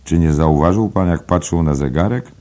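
A man's voice: low-pitched, normal speed, dark tone, voice pushed up, natural voice. A man voicing a gossipy older male barfly who swears by God, in an audiobook. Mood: gossiping. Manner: knowing, confidential, emphatic oaths. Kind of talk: audiobook character voice.

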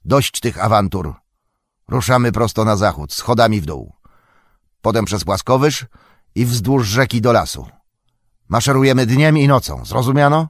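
Man rasping as Uglúk, the brutal orc chief. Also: fairly low pitch, lively intonation, a little slow, dry recording, studio quality. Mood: barking orders. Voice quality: hoarse, rasping. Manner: barks orders, threatening.

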